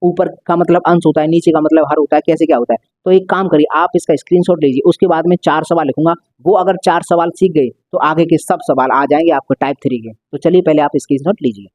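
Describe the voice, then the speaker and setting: Patient man explaining maths, dark dry voice. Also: a little high, fairly even intonation, fast, few pauses, no room sound. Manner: repetitive, step-by-step explaining, stretches out key words. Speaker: maths teacher. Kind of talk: explaining a maths lesson at a board.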